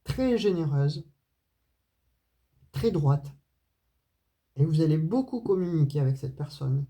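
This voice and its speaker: A woman's voice: low voice, lively intonation, slow, warm tone. A woman with a southern French accent giving a chatty card reading to her viewers, with plenty of hesitations and asides. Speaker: astrology and tarot reader. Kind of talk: casual spoken card reading to camera.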